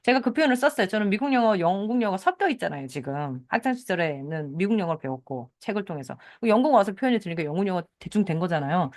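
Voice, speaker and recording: A middle-aged woman from South Korea giving a chatty English lesson in Korean, explaining set phrases through example sentences. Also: mid-range voice. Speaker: English teacher. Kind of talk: casual online English lesson.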